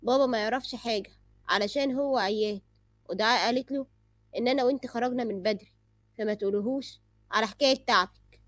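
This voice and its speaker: A woman's voice: on the high side, quick pace, long pauses, dry recording, natural voice. A woman voicing a worried, caring young husband with an Egyptian Arabic accent. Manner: anxious, gently protective.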